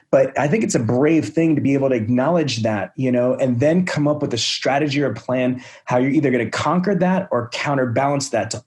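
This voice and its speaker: Here a medium-pitched man with a somewhat dark tone hosts his sales podcast as a trainer. He sounds energetic and keen, complimenting others and arranging role-play scenarios.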